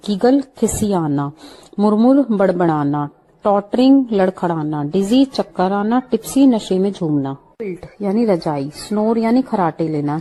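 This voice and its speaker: An Indian-accented woman works through an English vocabulary lesson, reading each word out and explaining it in Hindi. Her voice is mellow and warm, with an even, teacherly delivery. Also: medium pitch. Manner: lists words, glosses each in Hindi then English.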